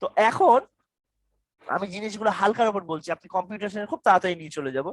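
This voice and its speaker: A young man with a high voice talks fast while giving an online university lecture over a video call, picked up by his computer mic in a dry recording. He stammers, repeats his questions, and quizzes his students.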